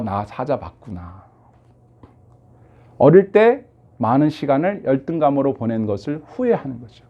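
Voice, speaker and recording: A man's voice: medium pitch, mellow. A male pastor preaching a sermon, telling stories with rhetorical questions and frequent fillers, on a dull lo-fi recording.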